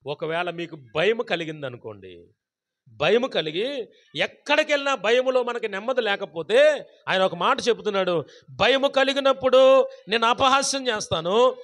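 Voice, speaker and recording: High-voiced man preaching a sermon. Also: animated, normal speed, fairly bright tone. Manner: asks the congregation questions and repeats scripture phrase by phrase. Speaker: pastor. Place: church prayer gathering.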